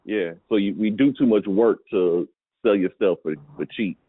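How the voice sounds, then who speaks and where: With a lowish, slightly breathy voice and no echo, a man coaches a caller at a moderate pace over phone-quality audio. He's advising on a pallet business in a relaxed, conversational tone, frequently checking that his points land.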